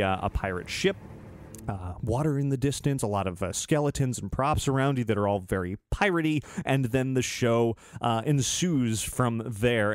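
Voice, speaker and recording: A man hosting a podcast, speaking casually and haltingly as he introduces a segment. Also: mid-range voice. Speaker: podcast host. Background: music.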